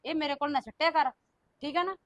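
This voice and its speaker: A woman playing a domineering sister-in-law who accuses and orders. Her voice is high and her speech runs quick. The sound is close and dry. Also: fairly even intonation, fairly bright tone, no room sound. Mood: commanding. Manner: accusing, commanding. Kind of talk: village short-film drama.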